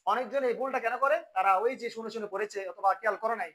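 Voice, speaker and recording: A man gives a recitation lesson in a high, bright voice. He poses questions to his listeners and answers them himself. He stops often to recite words slowly, as a demonstration. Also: poor audio. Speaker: Quran recitation teacher. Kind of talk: tajweed lesson with recited examples.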